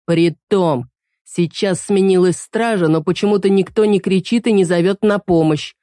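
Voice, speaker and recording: A woman's voice: lowish voice, moderate pace, warm tone, dry recording, clean studio sound, lightly acted. A woman voicing a cold, cynical male conspirator who talks sternly and sarcastically. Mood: sarcastic.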